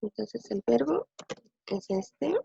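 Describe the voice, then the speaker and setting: Teaching a language lesson, a woman talks slowly and patiently, thinking aloud at times and repeating words for her audience. Her husky voice has a gravelly edge and sits slightly high for a woman, expressive yet mellow. The recording is dull, lo-fi and dry, without echo.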